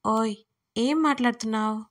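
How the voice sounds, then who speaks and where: A woman's voice: on the high side, normal speed, close to an everyday voice. A woman voicing a feisty, playful young woman who sulks and talks back with sarcasm, in a storybook reading. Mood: sulky. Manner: sulky, sarcastic.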